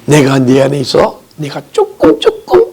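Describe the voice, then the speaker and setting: A man voicing God's gentle, loving words, quietly and tenderly, lower than his own speech. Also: huge pitch swings, normal speed, breathy edge. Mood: tender hushed. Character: gentle loving divine father voice, male.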